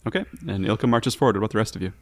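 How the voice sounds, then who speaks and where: A man's voice: on the low side, rapid-fire, no room sound. A man narrating a tabletop fantasy game casually as game master.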